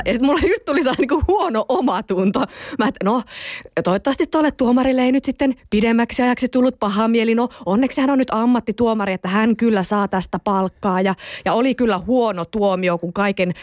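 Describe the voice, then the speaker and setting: A woman's voice: medium pitch, no room sound. Woman guest on a radio talk show; candid, confessional storyteller; dry studio sound. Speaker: guest, sports fan.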